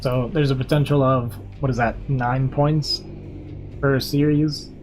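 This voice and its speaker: A young streamer and caster chats from his computer in an upbeat, rambling way, full of fillers, his voice worn out from talking. His medium-pitched voice is steady, unhurried, and a little mellow, over soft background music on a low-quality recording.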